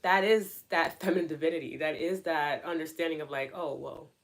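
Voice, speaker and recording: A young adult woman hosting a spiritual coaching livestream, talking casually and earnestly, answering her chat and asking questions out loud. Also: low-pitched, fairly quick. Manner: earnest, questioning, animated asides.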